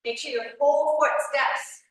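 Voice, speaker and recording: A woman's voice: sits high, fairly even intonation, normal speed. A woman instructing a group fitness class, calling out short directive cues and encouragement. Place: indoor room, on camera for a class. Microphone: camera mic from a distance. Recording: echoey room, distant microphone.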